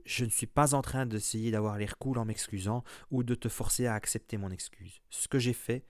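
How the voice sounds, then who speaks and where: A man voicing an eleven-year-old boy wizard who talks quickly and earnestly. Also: medium pitch, fairly even intonation, no room sound, studio quality, natural voice. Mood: contrite.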